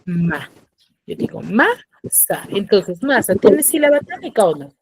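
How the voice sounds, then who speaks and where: A woman's voice: mid-range voice, sing-song, fairly quick, dark tone, breathy edge, rough recording. A woman teacher, lecturing in an online class, explaining patiently, repeating key terms and checking that the students follow. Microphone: computer mic on a video call.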